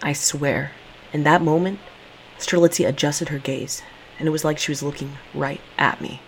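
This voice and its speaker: A woman's voice: deep voice, fairly even intonation, normal speed, gravelly, rough recording. A young woman narrating and acting as a sarcastic, profane heroine caught up in a dangerous stunt. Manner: sarcastic and profane, often panicky. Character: sardonic young woman narrating her own reckless stunt. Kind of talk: first-person audio drama narration. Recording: audible background noise.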